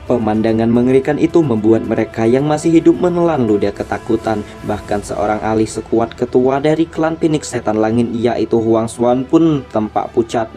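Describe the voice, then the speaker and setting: A man with an Indonesian accent narrates a dramatic fantasy tale in a low, mellow voice. His delivery is scripted storytelling, set over background music.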